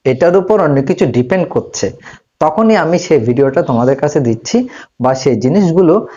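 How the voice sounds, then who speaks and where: A male English teacher giving a classroom-style grammar lesson, explaining slowly and asking and answering his own questions, in a room with a whiteboard. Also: on the high side, lively intonation, dark tone, dull audio.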